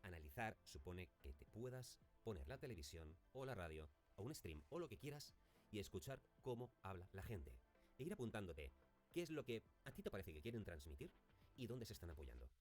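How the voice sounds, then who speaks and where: A man's voice: fairly low pitch, sing-song, brisk, a little mellow, soft background music. A man, a teacher giving a recorded lesson on intonation and demonstrating stressed words in example phrases. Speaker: speech teacher.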